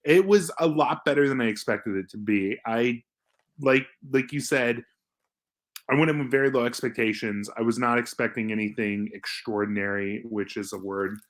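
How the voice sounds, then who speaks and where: Man, mid-pitched, casual film reviewer, halting delivery, thinking aloud.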